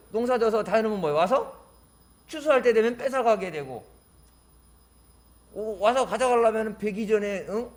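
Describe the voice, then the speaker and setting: Man, pastor, sermon, very high voice, emphatic preaching. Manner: emphatic preaching, acting out quoted taunts and prayers.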